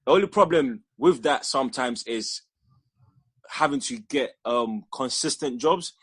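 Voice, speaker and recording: A man's voice: medium pitch, expressive, measured pace, a bit bright, slightly rough, dry recording. A young man from Ghana, a filmmaker being interviewed, talking in a loose, rambling way with frequent restarts. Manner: rambling, restarts often, laughs easily. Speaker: filmmaker guest. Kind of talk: casual interview chat.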